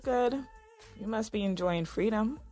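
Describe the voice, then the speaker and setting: An actress voices Iris, a weary young married woman narrating her own story in a first-person audio drama, mixing narration and dialogue in a wry, conversational, playful way. Her natural, mid-range voice is dark and measured, with faint music behind it.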